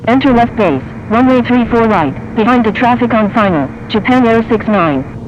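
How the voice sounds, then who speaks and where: A man's voice: very high-pitched, lively intonation, normal speed. A man voicing an airline pilot making calls over a cockpit headset radio, with clipped, formal phrasing. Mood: calm. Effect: pilot radio call over a cockpit headset. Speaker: airline pilot reading back instructions. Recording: muffled radio with faint noise.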